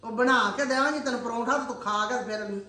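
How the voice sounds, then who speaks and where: A nagging mother in a homemade comedy skit, a woman with a Pakistani Punjabi accent. Her voice is high and bright, and she scolds in quick, sharp bursts. The room around her rings with echo. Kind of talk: comic family skit.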